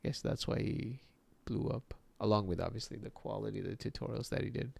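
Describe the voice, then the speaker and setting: A deep, heavily gravelly man talks loosely through a livestream, drifting from thought to thought as he answers chat. He laughs easily and lets the odd swear slip in, never sounding rehearsed. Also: a little fast, no room sound. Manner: relaxed, rambling, reacts to viewer chat; laughs often, swears casually. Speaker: livestream host and 3D artist.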